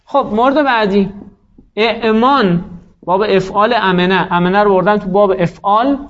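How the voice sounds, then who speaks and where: High-voiced man teaching grammar. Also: a bit bright, highs cut off. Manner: explains step by step, asks and answers his own questions. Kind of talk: grammar lecture.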